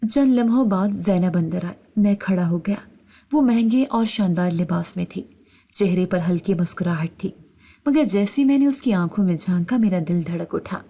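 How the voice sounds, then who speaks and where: A woman storyteller giving scripted first-person narration of a moral story in a measured, suspenseful way. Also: on the low side, mellow.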